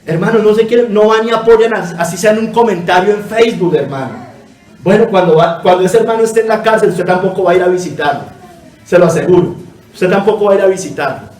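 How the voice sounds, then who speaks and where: A man delivers a sermon as pastor, pleading earnestly and addressing his congregation as brothers and sisters. His voice sits high for a man. The sound is roomy and echoing, caught from some distance from the mic. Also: fast, a little mellow, faint music behind. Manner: earnest exhortation, constantly calling listeners brother. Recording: echoey room, voice from a distance.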